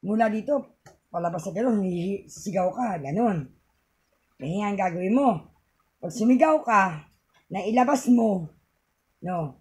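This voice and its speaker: A woman's voice: mid-range voice, lively intonation, unhurried, long pauses, a little mellow. Filipino lady vlogging, rambly and chatty, laughs a lot, middle-aged. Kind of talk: casual home-remedy vlog.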